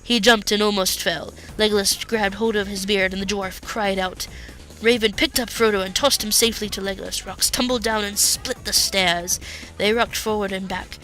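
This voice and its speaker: A woman's voice: medium pitch, fairly even intonation, normal speed, bright, forceful tone, faint music behind. A woman reading fan fiction aloud in plain storytelling. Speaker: reader.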